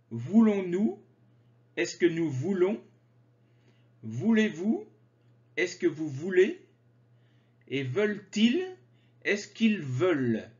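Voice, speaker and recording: Very slow, lively-pitched French teacher man. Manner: slow, carefully articulated conjugation drills. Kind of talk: slow grammar lesson with drills. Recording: slightly dull lo-fi sound.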